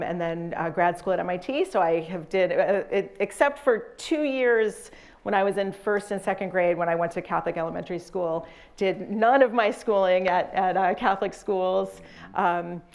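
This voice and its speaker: Chatty woman professor from Massachusetts. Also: medium pitch. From Massachusetts, USA. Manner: chatty, full of fillers and self-corrections, laughs lightly. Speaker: professor and guest speaker. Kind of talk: casual personal storytelling in an interview.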